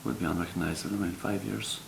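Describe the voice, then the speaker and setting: A man's voice: sits low, fairly even intonation, quick pace. A man, a builder chatting casually. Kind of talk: casual chat. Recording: clear background noise.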